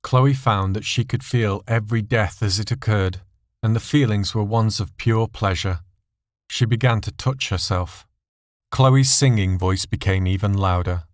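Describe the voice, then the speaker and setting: Male story narrator, dark scripted fiction, low pitch, close dry sound. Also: unhurried, dry recording.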